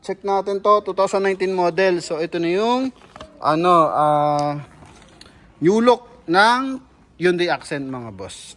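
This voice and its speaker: A man with a Filipino accent giving a casual walkaround sales pitch on a car lot, chatting to viewers and calling them "boss". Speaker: used car sales presenter.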